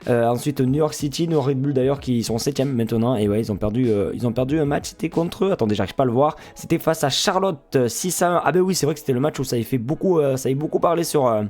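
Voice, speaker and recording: A man's voice: mid-range voice, quick pace, few pauses, darkish tone, faint music behind. A man from France with a French accent, casually talking viewers through a football pre-match analysis in a jokey, chatty way. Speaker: football fan YouTuber and Twitch streamer.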